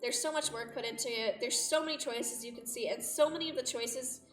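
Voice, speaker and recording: Brisk and a bit bright, her high-leaning voice carries a live visual novel stream full of chatter and dramatic, playful reactions as she reads along. Background music, echo, and a distant mic shape the sound.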